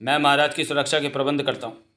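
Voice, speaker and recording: A sly cartoon court servant who flatters and fibs, voiced by a man. His voice sits slightly high and runs smooth and wheedling. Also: fast talker. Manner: glib, wheedling. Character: sly scheming male court servant, young. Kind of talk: Hindi comic dub.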